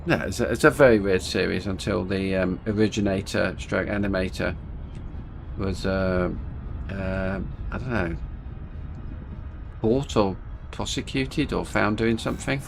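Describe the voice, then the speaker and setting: A man streams a game in a lowish voice with a creaky, gravelly edge. He pronounces his R as W and has trouble with S sounds. His talk is casual and rambling, over clearly audible vehicle-like game noise. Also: measured pace. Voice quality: speech impediment on R and S, says w for r. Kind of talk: casual rambling gameplay chat.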